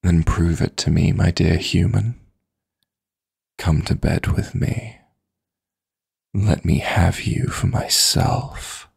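A man playing a possessive, teasing dream demon lover in intimate sleep-aid roleplay audio, coaxing softly and deliberately in a gravelly, breathy voice. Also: low-pitched, exaggerated voice. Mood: seductive, coaxing.

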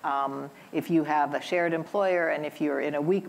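A woman scholar speaking on a conference panel, halting, with many restarts and repeated words. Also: low voice, steady tone, creaky, slight background noise, poor audio. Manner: halting, many repetitions and fillers. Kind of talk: panel discussion. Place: conference event room.

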